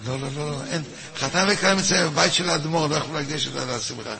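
With a crowd audible behind him, a man leads a lively weekly Torah class in a slightly high voice with vocal fry. He animatedly plays both sides of a halachic dispute, repeats words, and fires questions at his listeners.

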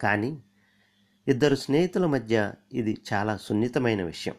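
A middle-aged man reads a first-person story aloud. His voice sits at a medium pitch, and he keeps a measured, even pace from line to line. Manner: measured, steady reading.

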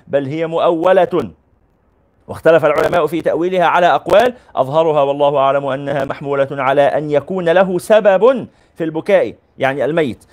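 A man's voice: fairly high pitch, darkish tone. A man teaching as a sheikh, reading a classical religious text aloud and explaining it in colloquial asides. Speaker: sheikh teaching a hadith book.

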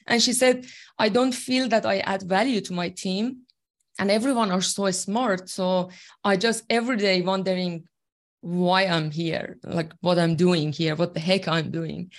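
Her voice sits at a medium pitch: she is an Iranian tech team leader, a native Farsi speaker, taking part in an interview conversation as a guest. She explains things sincerely from personal experience, leaning on many fillers.

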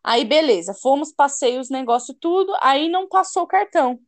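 A woman's voice: sits high, normal speed, dry recording. A young woman hosting a casual chat, telling a heated story and acting out the lines of other people in it, with some swearing. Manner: animated, swears, acts out quoted dialogue. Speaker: podcast host.

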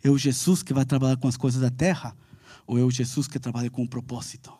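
A man's voice: mid-range voice, flat delivery, quick pace, warm tone, breathy edge, no room sound, studio quality. A man with a Brazilian Portuguese accent preaching a sermon, emphatic and repetitive, building to fervent calls and asking "amen?".

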